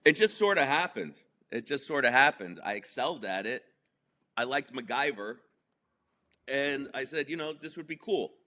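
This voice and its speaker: Speaking at a normal speed in an animated, sharp, mid-range voice, this podcast guest recounts his life in a relaxed interview. He's a New Jersey man whose native tongue is Spanish, and he rambles with fillers and chuckles at his own jokes.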